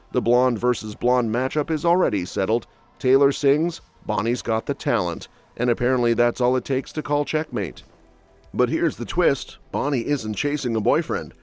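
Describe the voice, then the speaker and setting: A man's voice: mid-range voice, no echo. A man reading scripted entertainment gossip narration with a snarky, quip-heavy delivery. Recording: dry voice-over with soft music bed.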